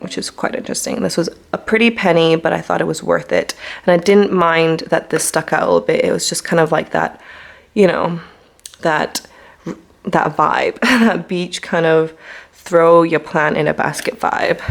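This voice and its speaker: A woman's voice: on the low side, gravelly. Chatty woman rambling through a home tour. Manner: chatty, rambling, many fillers. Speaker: vlogger. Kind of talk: casual home tour vlog. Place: flat, indoors. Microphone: handheld vlogging camera.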